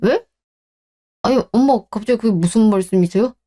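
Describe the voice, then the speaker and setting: A woman's voice: fairly high pitch, moderate pace, warm tone, lightly acted. A woman voicing a stubborn, defensive younger husband who argues indignantly with his mother in a radio drama.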